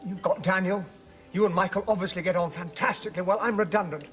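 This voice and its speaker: An actor playing a contrite, self-pitying middle-aged ex-husband, earnest and apologetic. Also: male voice, high voice, fairly even intonation, fast talker, a bit bright, soft background music.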